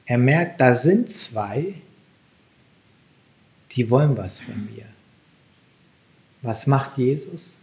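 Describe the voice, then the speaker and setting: A man delivers a sermon at an unhurried, deliberate pace. His voice sits a little high for a man, and it climbs sharply whenever he stresses a point. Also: darkish tone. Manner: slow, emphatic, rises sharply on key phrases. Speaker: preacher.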